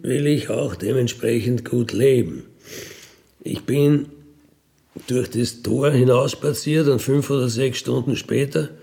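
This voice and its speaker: A middle-aged Austrian-accented man with a mid-range, creaky, warm voice recounts his life as a former burglar. He tells it casually in the first person for a radio feature, matter-of-fact, unapologetic and colloquial.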